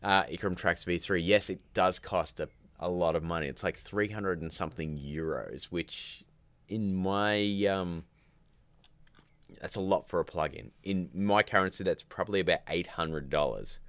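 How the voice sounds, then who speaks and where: A man hosts a relaxed livestream from his home, sounding groggy as if it's morning, rambling along chattily and reading viewer comments aloud. He has a low, slightly bright voice at a moderate pace, recorded with no room sound.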